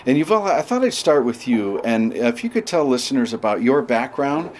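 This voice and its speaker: A male podcast host leads a relaxed conversation from a sauna bench. He circles around his questions with plenty of ums and restarts. Faint background noise sits under the voice. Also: medium pitch, normal speed. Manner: rambling, warm questions with fillers. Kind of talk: casual interview chat. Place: inside a sauna at an outdoor festival.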